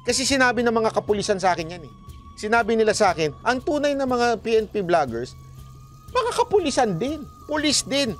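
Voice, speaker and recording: A man's voice: very high voice, big pitch swings, brisk, faint music behind. A man vlogger giving casual commentary on the news, addressing officials directly and laughing at his own jokes.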